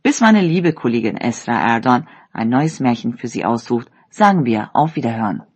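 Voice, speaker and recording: A presenter narrating a fairy tale aloud in an expressive storytelling manner. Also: medium pitch, normal speed.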